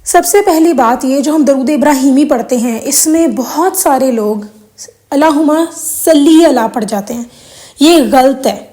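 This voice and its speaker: High-voiced earnest woman explaining prayers. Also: mellow. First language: Urdu. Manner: earnest, explaining with examples, mixes English phrases. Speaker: religious video host. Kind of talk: casual religious talk to viewers.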